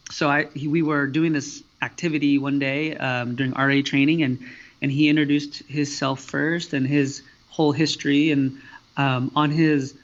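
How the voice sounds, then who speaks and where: A man from the Seattle area, a guest on a podcast, recounting his career path in an even way with hesitant fillers. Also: mid-range voice, highs cut off. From Seattle area, USA. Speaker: podcast guest, student affairs professional. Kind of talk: interview answers.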